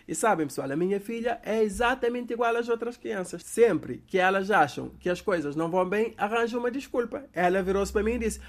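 A man's voice: high-pitched, expressive, fairly quick, hardly any pauses. A man from Cape Verde with a Cape Verdean accent, telling a comic story about his daughter straight to his viewers in a chatty way. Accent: Cape Verdean Portuguese. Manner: chatty, addresses viewers directly. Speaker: comedy creator.

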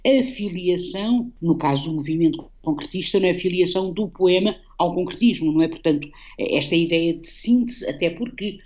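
She's a guest poet on the radio, a woman with a European Portuguese accent whose fairly low, slightly mellow voice moves fairly quickly with few pauses. The recording is muffled. Reflecting on a poem, she often tags her phrases with a question.

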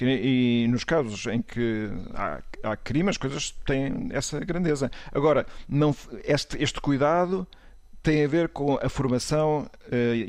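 Portuguese priest on a panel, careful and halting, dry close sound. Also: male voice, mid-range voice, darkish tone, dry recording. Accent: European Portuguese. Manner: measured, hesitant, restarts often. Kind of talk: panel discussion.

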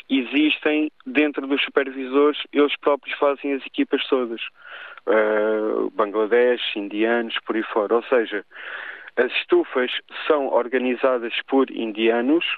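A man's voice: medium pitch, no echo. Stammering man on a phone line. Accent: European Portuguese. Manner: halting, stammering, insistent. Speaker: caller. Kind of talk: radio call-in opinion.

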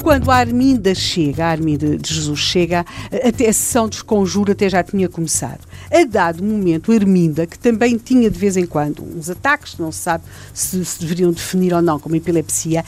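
A woman's voice: fairly low pitch, brisk, hardly any pauses, darkish tone, slight background noise. A woman with a European Portuguese accent retelling a historical case in conversational, dramatic detail, with restarts and fillers. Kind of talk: conversational true-crime retelling.

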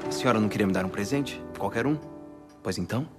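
An actor as an eager Brazilian man in film dialogue, speaking fast in a fairly low voice. Loud guitar music plays as he makes his coaxing request. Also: natural voice. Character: eager man asking a lady for a circus.

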